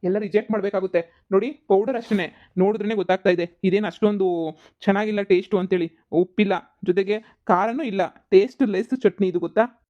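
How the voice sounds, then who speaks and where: A performer voicing a stern, fast-talking young businessman. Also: medium pitch, steady tone, a little mellow, highs cut off, close to an everyday voice. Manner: stern, lecturing, ends lines with "okay?". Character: strict young male businessman judging products. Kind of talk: cartoon voice acting.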